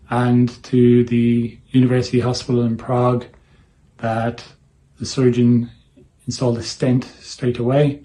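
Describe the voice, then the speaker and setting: A man in his fifties speaks with a Dublin accent in a mellow, relaxed voice. His pitch stays very even as he gives a prepared personal testimonial. He delivers it in short, measured phrases. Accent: Dublin Irish. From Dublin, Ireland. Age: 50s. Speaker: patient giving a testimonial.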